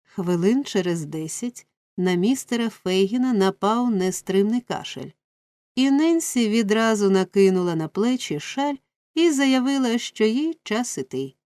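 A woman's voice: mid-range voice, unhurried, dry recording. Woman reading a classic novel aloud. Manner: steady, expressive storytelling. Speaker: audiobook narrator. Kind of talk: scripted narration.

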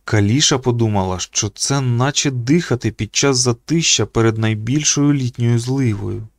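A man narrating an audiobook in an expressive reading voice. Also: normal speed, no echo. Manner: reads expressively, pitching up for the children's quoted lines.

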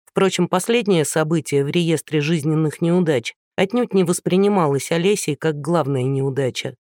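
A man with a fairly high voice narrates an audiobook, steady and lightly ironic. The recording is dry and close, with no room sound. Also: normal speed, no echo. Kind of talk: scripted narration.

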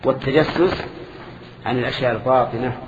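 An older man explains a text slowly to a circle of students. He sounds roomy, with a long hall reverb. The recording is dull, old-tape lo-fi, with a light hiss behind him. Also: mid-range voice, fairly even intonation. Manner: measured explanations with questions to the class. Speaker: sheikh teaching a hadith lesson. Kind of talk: classical lesson commentary with students.

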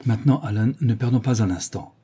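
A man voicing a cool, commanding young male dandy who gives orders briskly. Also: medium pitch, dark tone, husky. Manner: commanding, urgent.

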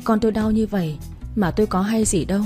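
A woman voicing a remorseful young mother who speaks softly and pleadingly, full of shame. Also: mid-range voice, quick pace, soft background music, close to an everyday voice. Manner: soft, pleading.

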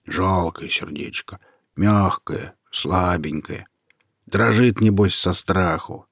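A gloating, domineering male forest sorcerer , put on by a man reading the tale aloud. The voice is husky and sits a little lower than usual, in a dry, close sound. He barks orders and then drops into a slow, threatening hush. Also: lively intonation, no room sound, full character voice. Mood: quiet menace. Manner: loud and commanding, turning to a slow menacing hush.

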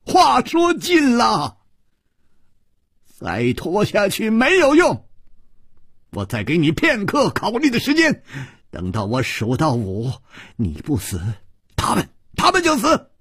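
A man voicing a desperate cornered male villain who shouts in a strained, hoarse voice. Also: huge pitch swings, slow pace, dry recording, clean studio sound, exaggerated voice. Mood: shouting. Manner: shouts in panic, voice cracking high.

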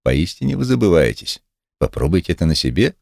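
A man's voice: low voice, big pitch swings, a little fast, gravelly, darkish tone, no echo, studio quality, heavily acted. A man voicing a stately male Methodist preacher who speaks in an indignant, preachy way. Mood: restrained.

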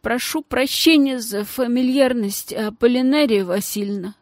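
A courteous, shaken scholar , as a woman narrator reads him speaks in formal, halting phrases. The voice sits close and dry on the mic. His tone stays quiet and correct. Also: fairly high pitch, no echo, pitched above the performer's own voice, natural voice. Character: polite, shaken male scholar.

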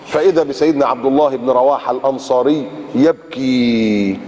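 A man preaching with an Egyptian Arabic accent, dramatic, asking rhetorical questions and swinging from loud highs to low murmurs. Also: fairly quick, lo-fi sound. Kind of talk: sermon. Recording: long hall reverb, faint background noise.

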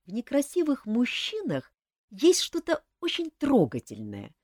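Excitable emotional young woman, a reader doing her, high and bouncy pitch, dry sound. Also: measured pace, no echo, heavily acted. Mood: flustered.

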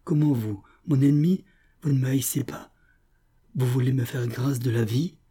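A man's voice: medium pitch, moderate pace, mellow, husky, voice pushed up, lightly acted. A man voicing a proud young woman rebel commander, fierce and commanding, then tearful. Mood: anguished.

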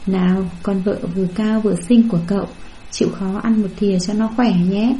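A woman's voice: mid-range voice, fairly even intonation, brisk, dark tone, a little hiss or hum, close to an everyday voice, low-quality recording. Woman reading as a pleading young husband. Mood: coaxing. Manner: coaxing and pleading. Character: remorseful young husband pleading with his wife.

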